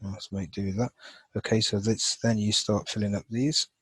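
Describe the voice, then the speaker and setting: A man's voice: on the low side, steady tone, normal speed, slightly rough, no echo, low-quality recording. A man teaching chemistry in a loose lesson style, thinking aloud as he colors in a chart, with frequent fillers and restarts. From England. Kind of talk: informal lesson over a drawn screen.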